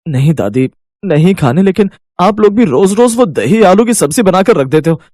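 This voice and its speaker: A man's voice: high-pitched, animated, normal speed, a little mellow, dry recording, clean studio sound. A man voicing a picky whiny schoolboy. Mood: complaining. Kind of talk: Hindi cartoon voice acting.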